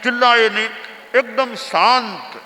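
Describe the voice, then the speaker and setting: A man's voice: extremely high pitch, takes it slowly, sharp tone, in a large hall, voice pushed up, heavily acted, poor audio. A man voicing a frightened young male disciple, calling out in urgent, pleading tones. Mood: marveling.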